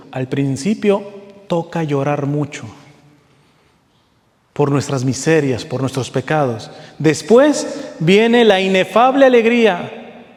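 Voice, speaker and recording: A man preaching a sermon to a seated audience, earnest, with slow, deliberate readings and rising emphasis. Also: on the high side, big-room sound.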